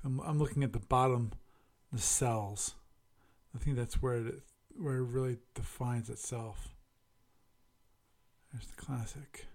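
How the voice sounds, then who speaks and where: A man's voice: mid-range voice, fairly even intonation, a little slow, darkish tone. A man hosting a casual solo show, musing aloud and correcting himself as he reviews and chats. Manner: musing, self-correcting, chatty. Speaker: podcast host.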